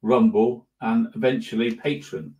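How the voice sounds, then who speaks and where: A man's voice: medium pitch, steady tone, normal speed, crowd noise, rough recording. A man talking casually to his followers on a livestream in a rambling, pleased-with-himself way.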